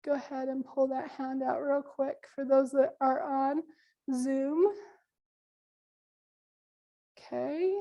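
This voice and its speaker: A woman's voice: sits high, fairly even intonation, a little slow, warm tone, dull audio. A woman presenting a live business workshop online, chatty and loose with lots of ums, losing her voice. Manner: casual, many ums, friendly instructions.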